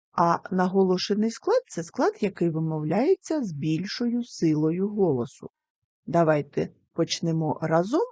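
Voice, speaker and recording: A primary school teacher gives a recorded lesson to young children, speaking slowly and carefully and sounding out words syllable by syllable. Her low voice is warm, with no room sound.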